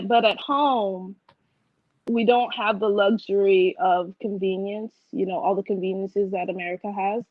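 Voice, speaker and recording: A woman's voice: mid-range voice, no echo, muffled recording. A young woman from Washington, D.C., a designer chatting casually and laughing as an interview guest.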